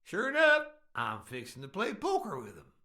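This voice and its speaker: An actor playing a boisterous, crude older Texan man in a video game, speaking with a loud, cussing Texan drawl. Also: high-pitched, huge pitch swings, normal speed, full character voice. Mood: jovial.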